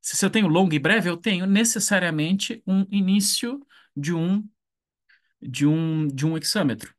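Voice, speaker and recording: A man teaching an online class, speaking slowly and thinking aloud, with frequent restarts and tag questions. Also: high voice. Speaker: ancient Greek teacher. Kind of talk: online lecture.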